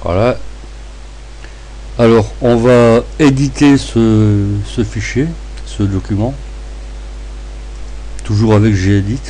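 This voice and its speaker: A man with a lisp that makes his s sounds slushy, narrating a step-by-step screencast tutorial in short, halting phrases. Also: lowish voice, steady tone, mellow, slight background noise, low-quality recording. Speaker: tutorial presenter.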